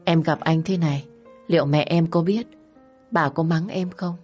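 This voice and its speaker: A woman voicing a gentle, caring young man who speaks slowly and soothingly. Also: low-pitched, steady tone, soft background music, natural voice. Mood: tender. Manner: slow, soothing.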